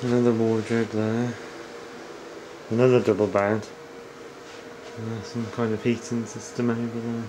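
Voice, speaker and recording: With a mid-range voice, a slow and flat-toned middle-aged vlogger narrates off the cuff as he films a tour of his house, moving from room to room indoors. The camera is handheld at arm's length and picks up noisy audio.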